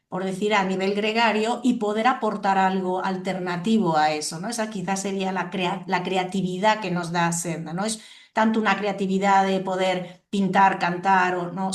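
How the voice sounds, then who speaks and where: A woman hosts a reflective interview, speaking thoughtfully and feeling her way through each sentence with small restarts. Her pitch is in a normal middle range. The recording carries a noticeable roomy echo. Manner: thoughtful, searches for words with restarts.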